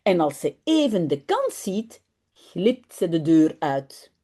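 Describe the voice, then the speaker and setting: A woman teacher speaks from her home office into a webcam mic. She reads a children's story slowly and carefully, with a lively, swooping melody. Her voice is warm and mellow, pitched a bit high. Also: breathy edge. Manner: animated, friendly, slow and careful reading. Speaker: Dutch language teacher. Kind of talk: reading a children's story aloud and explaining it.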